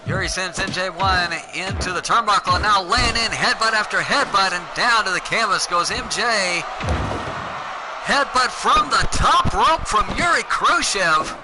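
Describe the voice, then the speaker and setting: A man working as a wrestling commentator, calling the action move by move in excited, emphatic, dramatic play-by-play. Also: sits high, moderate pace. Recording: loud music under the commentary. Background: loud music.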